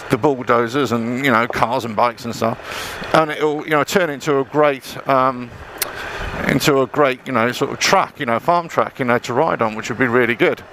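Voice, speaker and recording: Man, voice inside a helmet, creaky tone, casual rambling ride commentary, clear engine and wind noise. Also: medium pitch, moderate pace, fairly bright tone. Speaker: motorbike vlogger. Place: outdoors on a motorbike on a country trail. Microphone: helmet-mounted mic.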